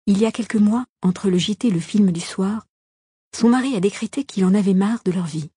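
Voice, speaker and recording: A woman reading a novel aloud as an audiobook narrator, calm and measured, recorded on a close studio microphone. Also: mid-range voice, breathy edge, no room sound. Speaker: audiobook reader.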